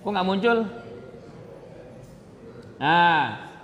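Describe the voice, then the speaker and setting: A man's voice: high-pitched, animated, very slow, dull audio. A man preaching a casual religious lecture in a mosque, telling stories with laughter and talking straight to the congregation. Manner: chatty storyteller who laughs and addresses the audience directly. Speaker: Islamic preacher. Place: mosque hall. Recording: echoey mosque hall.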